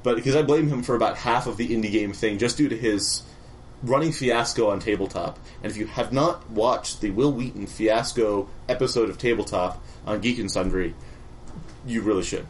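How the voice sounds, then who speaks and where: A man's voice: fairly low pitch, moderate pace, a little hiss or hum. A man hosting a podcast in casual chat, using a put-on radio announcer voice. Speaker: podcast host.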